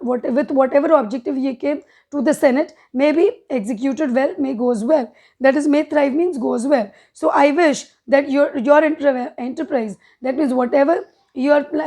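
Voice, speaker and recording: High-voiced woman teacher explaining a play. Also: warm tone. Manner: reads quotes then paraphrases, frequent fillers and self-corrections.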